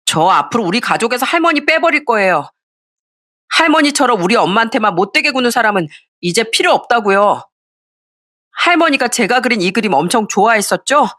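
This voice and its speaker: A woman's voice: on the high side, lively intonation, brisk, fairly bright tone, pitched above the performer's own voice. A woman voicing an eleven-year-old boy who speaks up bluntly and earnestly for his mother, in an audio story reading.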